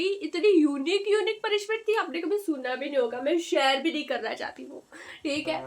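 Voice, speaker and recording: A woman's voice: sits high, fairly bright tone. A young woman telling casual storytime stories in a chatty vlog, feeling weak and feverish. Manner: chatty, exclaiming, frequent fillers and repeats. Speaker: vlogger.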